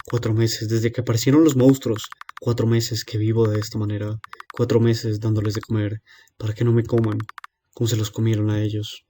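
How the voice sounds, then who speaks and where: A man reads game dialogue aloud as a lonely young girl left by herself to feed monsters in her cellar, speaking hesitantly and quietly. His voice is lowish, level and a little fast, close to everyday speech, with slight background noise. He sounds weary and brooding.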